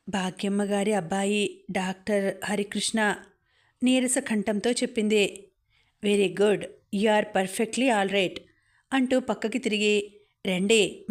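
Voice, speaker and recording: A woman narrating an audiobook story in a steady, even reading voice. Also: medium pitch.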